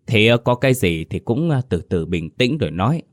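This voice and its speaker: A man voicing a calm, authoritative exorcist who questions a spirit in measured speech. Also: fairly low pitch, no echo, studio quality. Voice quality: calm and measured, with small hesitations. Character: calm, authoritative middle-aged male exorcist master.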